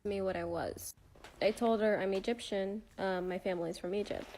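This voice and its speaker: A woman retelling a school story to camera in a flat, disbelieving way. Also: mid-range voice, moderate pace, slight background noise.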